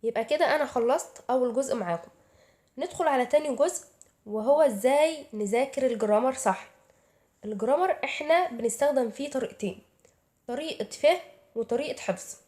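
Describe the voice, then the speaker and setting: A YouTuber with an Egyptian Arabic accent gives her viewers casual study tips, chatting away and answering her own rhetorical questions. Her voice sits high with a darkish tone and a slightly fast pace.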